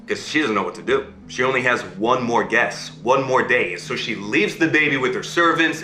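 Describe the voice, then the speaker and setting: Over a video call, a father tells his child a bedtime fairy tale, doing voices for the characters and checking in with "okay" and "right." His mid-range voice sounds close to everyday speech, and the audio is reverberant.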